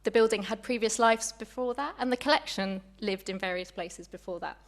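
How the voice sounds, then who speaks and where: Slightly out of breath, a young woman museum curator delivers a friendly, chatty public lecture, warm and sprinkled with apologetic asides. She speaks briskly with a medium-pitched voice.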